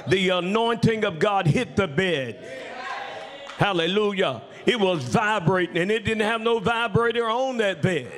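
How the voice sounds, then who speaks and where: A man tells a story from the pulpit in a high, unhurried voice. He rises from calm storytelling into shouted praise. The long reverb of a church hall trails every phrase. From Tennessee, United States. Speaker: pastor. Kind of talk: sermon with storytelling.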